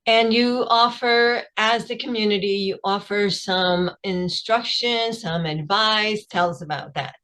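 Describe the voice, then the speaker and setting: A woman hosts a podcast and opens with an upbeat, scripted welcome. She then keeps the talk moving with brief questions. Her voice is at a middle pitch. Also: measured pace, hardly any pauses, a bit bright. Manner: upbeat scripted introductions, short prompts. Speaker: podcast host. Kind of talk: podcast interview hosting.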